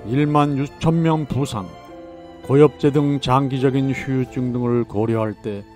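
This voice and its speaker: A man's voice: mid-range voice, a little mellow. Solemn male documentary narrator. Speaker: channel narrator. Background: faint background music.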